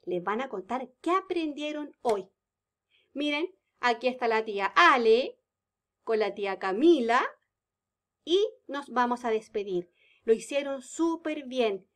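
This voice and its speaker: Kindergarten teacher, young woman, high voice, slow sing-song delivery for small children. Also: lively intonation, a bit bright.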